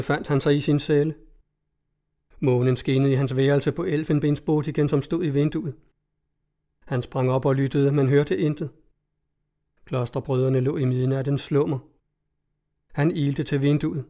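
A man narrating a story in a measured, solemn reading voice. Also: medium pitch, fairly even intonation, warm tone.

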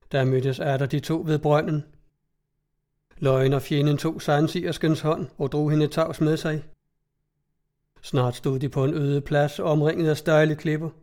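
A man's voice: a little high, warm tone. Man narrating an old tale.

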